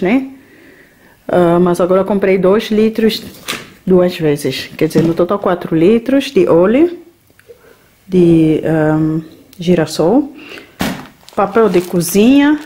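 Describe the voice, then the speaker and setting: A woman's voice: mid-range voice, dark tone, a little hiss or hum. A woman, talking through her grocery shopping in a home kitchen, listing items unhurriedly and ending phrases with little checking tags. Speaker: vlogger. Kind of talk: grocery haul vlog.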